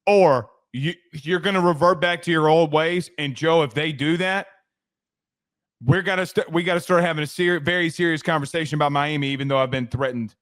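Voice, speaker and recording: A man co-hosts a casual sports podcast, trading picks with his partner in loose, friendly chat. He often stumbles and restarts his sentences, and his voice is somewhat high for a man. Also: fairly even intonation, brisk, fairly bright tone. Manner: stammering restarts, talks to co-host by name. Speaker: podcast co-host.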